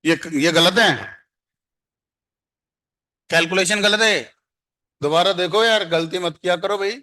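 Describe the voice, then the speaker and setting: A man's voice: sits high, steady tone, measured pace, sharp tone. A man teaching a math class, constantly quizzing and coaxing his students to answer. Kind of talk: classroom lecture.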